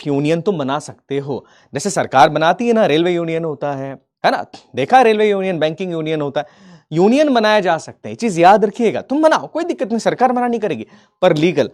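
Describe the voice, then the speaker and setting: Man, high-pitched voice, teacher, live class lecture, animated, repetitive, checks understanding.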